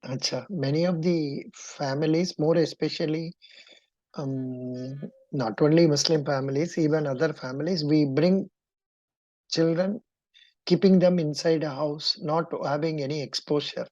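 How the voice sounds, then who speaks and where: A woman's voice: deep voice, unhurried, a little mellow, no echo, dull audio. A woman with a Kannada-influenced Indian English accent, coaching a mock interview in an encouraging, instructive and probing way.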